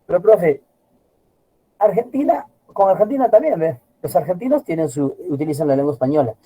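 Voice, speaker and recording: A middle-aged man teaching a class, lively and always asking his students questions. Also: a little high, brisk, breathy edge, low-quality recording. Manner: animated, asks students constant rhetorical questions. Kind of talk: classroom lecture.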